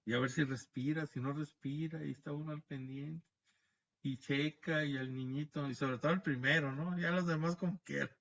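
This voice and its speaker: Over a video call, a man teaches a Bible class, explaining things step by step, frequently adding tag questions to check on his listeners and restarting words. His gravelly voice is bright, forceful and a little high for a man, with a steady tone at normal speed. The audio sounds dull and lo-fi.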